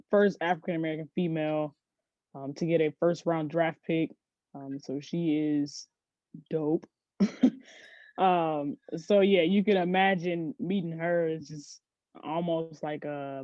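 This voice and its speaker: Speaking at a measured pace in a deep, dark, steady voice, a sports agency CEO appears as a podcast guest for an easygoing interview. She's a chatty storyteller who laughs often; the sound is lo-fi with no room sound.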